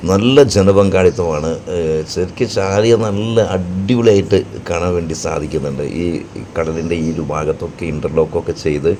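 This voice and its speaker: Very deep-voiced Malayali man, halting vlog narration. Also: fairly even intonation, warm tone. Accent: Kerala Malayali. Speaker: vlogger and narrator. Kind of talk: casual travel vlog narration. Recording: clear background noise, outdoor ambience.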